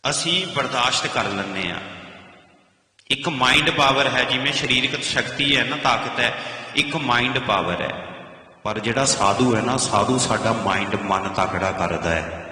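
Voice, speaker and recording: A man's voice: mid-range voice, unhurried, bright, forceful tone. A man preaching a sermon, explaining verses line by line and at times chanting them. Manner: addresses listeners as "bhai" and "ji". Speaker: Sikh preacher explaining scripture. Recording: echoey hall reverb.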